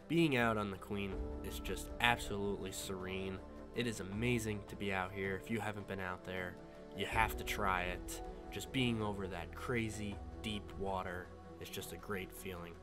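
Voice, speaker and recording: A man narrates his own fishing video in a relaxed, earnest, conversational voice-over. His voice is slightly low. Music plays clearly beneath the narration.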